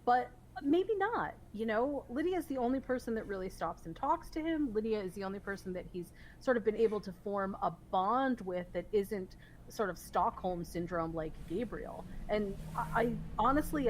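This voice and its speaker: A woman at a medium pitch co-hosting a casual podcast about a TV series. She works through her points in an animated, analytical way and keeps restarting her sentences. Faint noise hums under the recording. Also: rough recording. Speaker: podcast co-host. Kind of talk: casual TV recap chat.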